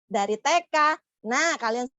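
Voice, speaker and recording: A young woman telling stories to young schoolchildren, slow, animated and coaxing. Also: on the high side. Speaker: children's storyteller. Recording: slightly muffled, dry sound.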